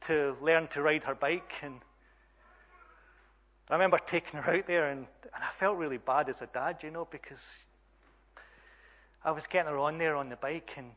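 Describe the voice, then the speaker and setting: A man's voice: fairly high pitch, normal speed, pauses often, fairly bright tone. A man preaching a sermon, telling a story and rising to emphatic appeals, in a dull lo-fi recording.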